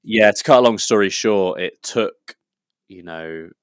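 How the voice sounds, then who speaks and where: A very low-pitched English man chatting as a podcast guest, his voice smooth and resonant. He rambles eagerly, full of fillers and restarts, and the sound is close and dry with no room around it. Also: measured pace, no echo. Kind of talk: casual conversational interview.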